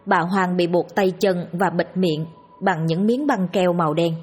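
A woman narrating a scripted horror story in a steady, grim, dramatic manner. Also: fairly low pitch, measured pace, husky, faint music behind.

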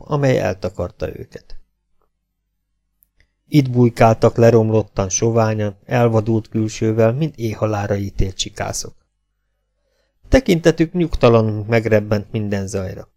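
A man reading a novel aloud as audiobook narration, in an expressive, dramatic way. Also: on the low side, creaky. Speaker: audiobook reader.

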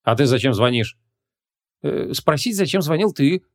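Guy voicing a bubbly young cop woman, high and playful, audiobook. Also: animated, normal speed, lightly acted. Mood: lively.

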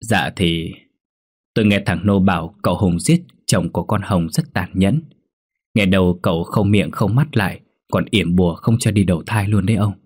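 A man's voice: low-pitched, moderate pace, a little mellow, husky. A man voicing a timid old steward. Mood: fearful. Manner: hesitant, humble. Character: timid older male steward, fearful and deferential.

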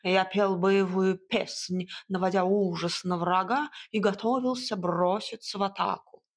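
A woman voicing a proud, grumbling male house cat who talks slowly and purrs between words in an audiobook. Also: medium pitch, fairly even intonation, husky. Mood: huffy. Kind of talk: audiobook character voice.

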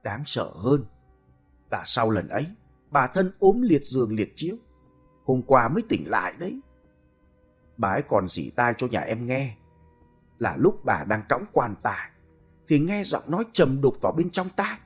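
A man voicing a peasant laborer who lowers his voice to tell an eerie tale. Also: big pitch swings, unhurried, pauses often, slightly rough, faint music behind, heavily acted. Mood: hushed. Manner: lowered, confiding voice. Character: hushed peasant laborer telling a ghost tale.

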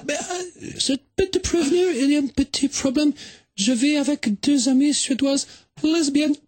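A man's voice: very high voice, moderate pace, darkish tone, no echo, voice pushed up. A man doing a shy young Swedish woman. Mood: shy, polite. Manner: broken French, hesitant and apologetic.

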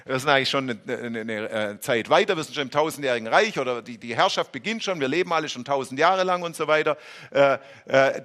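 German-accented male preacher, high bright voice, emphatic sermon delivery. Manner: emphatic, rhetorical, acts out quoted voices.

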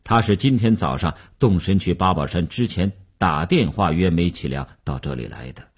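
Deep, husky male storyteller. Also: expressive, moderate pace. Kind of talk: scripted radio story narration.

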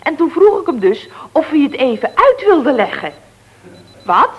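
An actress playing a chatty, scatterbrained woman who rambles excitably on the phone in a 1960s radio comedy. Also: sits high, unhurried, muffled recording. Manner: rambling, excitable, full of little tag questions.

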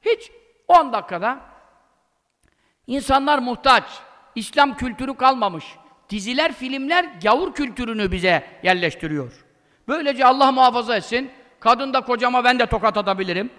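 A male preacher with a very high, bright voice gives an informal religious talk, and he sounds emphatic and scolding. His blunt colloquial outbursts ring out with a long reverb trailing behind them. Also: lively intonation, moderate pace.

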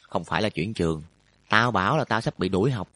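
A man's voice: lowish voice, lively intonation, fairly quick, bright, forceful tone, dry recording. Guy reading as a cocky teen boy, blunt and slangy, dry close sound. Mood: brash. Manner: blunt, offhand slangy talk. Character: scheming teenage schoolboy goalkeeper, brash.

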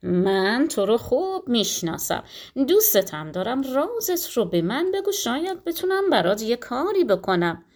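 A woman's voice: on the high side, pitched above the performer's own voice. A woman voicing a seasoned older nurse who scolds and coaxes a young girl in a storybook tale. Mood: coaxing. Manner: scolding, coaxing, animated. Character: seasoned older nurse, stern but doting.

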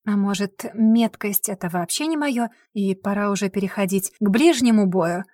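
A woman reading a novel aloud in the first person, with lively, sardonic storytelling. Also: medium pitch, moderate pace, no room sound. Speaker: audiobook narrator.

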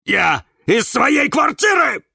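A man voicing a frantic young male cactus who shouts and wails for help in a storybook. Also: mid-range voice, moderate pace, creaky, no echo, studio quality, far from the mic, voice pushed up. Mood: frantic shouting.

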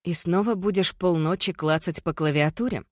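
A woman's voice: lowish voice, normal speed, a little mellow, dry recording, natural voice. A reader voicing a watchful middle-aged mother who asks polite, pointed questions, in a dry recording. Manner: polite but probing questions.

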